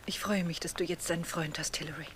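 An actress dubbing a gentle wife torn between duty and herself, speaking softly and often near a whisper in a 1930s film drama. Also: female voice, medium pitch, normal speed, slight background noise, natural voice.

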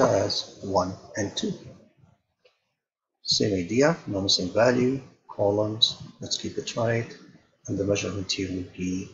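Guy w a lowish voice doing a calm step-by-step software tutorial, kinda dull lo-fi mic. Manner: calm step-by-step explaining, thinking aloud. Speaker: instructor.

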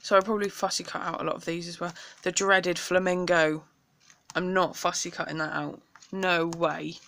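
A woman's voice: on the low side, little pitch movement, normal speed, gravelly, fairly bright tone. A young woman from the UK with a British accent, chatting through a craft haul at home, enthusiastic and sprinkled with ums. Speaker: craft vlogger. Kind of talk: casual craft haul show-and-tell.

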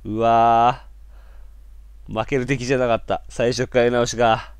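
A man giving casual let's-play commentary, breaking from muttered asides into loud startled outbursts. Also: mid-range voice, level tone, measured pace, smooth, no room sound.

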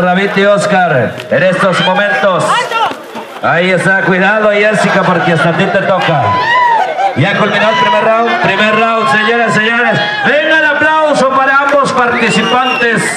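A Mexican man working as a ring announcer in lucha libre style, calling the action live with showman catchphrases and rallying the crowd for applause. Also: sits high. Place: outdoor rodeo ring before a packed crowd. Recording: echoing PA, distant, loud outdoor crowd noise.

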